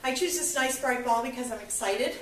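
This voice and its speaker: A woman's voice: high voice, fairly quick, recorded from a distance, a little hiss or hum. Upbeat woman coaching a workout, echoey room. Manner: upbeat, encouraging, counting reps. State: a little out of breath. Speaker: fitness instructor. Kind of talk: guided workout instruction.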